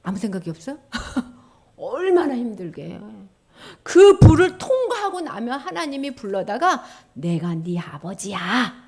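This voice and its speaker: A woman giving a children's sermon, telling stories in an animated way and acting out the voices of the people in them. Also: high voice, a little slow. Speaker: children's pastor.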